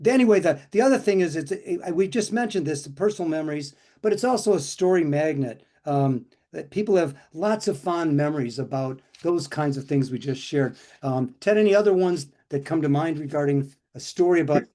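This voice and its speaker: A man's voice: fairly high pitch, brisk, hardly any pauses, mellow. An older man co-hosting a casual chat, telling stories in a rambling way with many restarts and fillers. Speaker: co-host.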